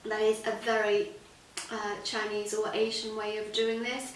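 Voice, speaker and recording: A woman hosting a casual lesson chat, laughing often and filling pauses with ums. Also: mid-range voice, monotone. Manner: giggly, many fillers. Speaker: host. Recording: roomy echo, distant mic, faint hiss.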